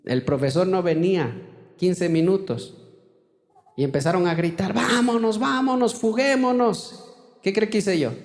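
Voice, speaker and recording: A man preaching a sermon as pastor, fervently addressing the congregation as brothers, climbing high for emphasis and dropping low and slow for solemn points. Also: a little mellow. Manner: fervent preaching, often calling listeners "hermano". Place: church. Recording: long reverb of a church hall.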